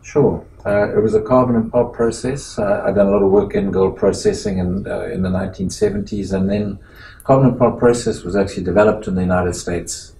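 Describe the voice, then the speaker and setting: An older man from Zimbabwe, sitting in an office for an oral history interview, speaking in a measured, halting way with many pauses and restarts. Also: lowish voice, fairly even intonation, mellow, slight background noise, rough recording. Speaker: interviewee, metallurgist. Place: small office meeting room indoors.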